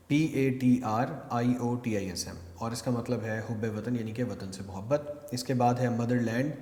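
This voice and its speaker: Male teacher, Pakistani accent, mellow voice, steady letter-by-letter spelling, recorded in a reverberant classroom. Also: mid-range voice. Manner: spells words out letter by letter, mixing English and Urdu. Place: classroom with whiteboard. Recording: echoey room with long reverb.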